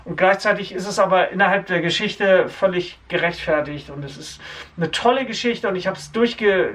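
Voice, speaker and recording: A man in his forties co-hosting a comic shop video, talking in an animated, chatty way. His voice sits high for a man. He often chimes in to agree with his co-host. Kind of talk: casual chat.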